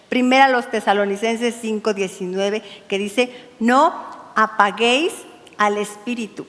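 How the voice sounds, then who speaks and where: Una mujer con acento mexicano que enseña un estudio bíblico para mujeres en tono conversador y con humor. Dramatiza diálogos y pregunta a menudo "¿verdad?". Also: female voice, mid-range voice, big-room sound. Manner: chatty and humorous, acts out dialogues, asks "¿verdad?". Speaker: pastor's wife teaching a women's Bible study. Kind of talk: women's Bible study sermon. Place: church hall.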